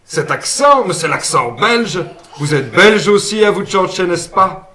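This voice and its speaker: A man's voice: high-pitched, sing-song, a little slow, bright, forceful tone, heavily acted. A man voicing a friendly male guardian angel with a Brussels accent, homely and fond of saying "une fois" and "hein". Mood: kindly. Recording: roomy sound, mic at a distance.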